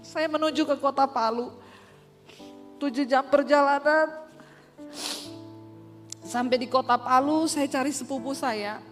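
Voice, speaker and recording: A high-pitched woman pastor in her forties from Indonesia tells her personal testimony as a sermon, speaking earnestly. Her voice rings through a reverberant hall with soft music behind it. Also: a little slow, pauses often. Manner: earnest storytelling, often quoting others.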